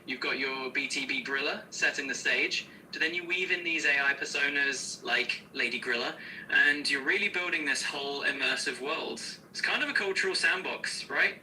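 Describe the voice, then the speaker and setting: A man's AI co-host voice with a very bright, sharp tone that sounds a little distant from the mic. He explains things smoothly and keeps them upbeat, mixing casual slang into tidy answers. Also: on the high side, normal speed, a little hiss or hum. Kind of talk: conversational Q&A co-hosting.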